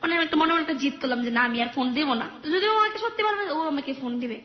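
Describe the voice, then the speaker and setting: A young woman phones in to tell her life story, rushing through it in a high, quick voice. She acts out the arguments in her family as she goes. The sound is roomy and dull, like a lo-fi recording. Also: animated. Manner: rapid, earnest retelling that acts out family quarrels. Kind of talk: personal story told on a call-in radio show.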